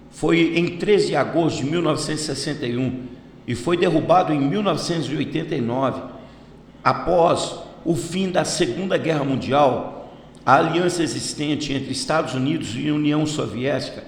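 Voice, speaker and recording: A Brazilian man reading a history script as a channel host, stumbling and restarting now and then. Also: fairly high pitch. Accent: Brazilian Portuguese. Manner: reads a script, with slips and restarts. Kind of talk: read-aloud history narration. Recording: echoey room with long reverb, faint hiss.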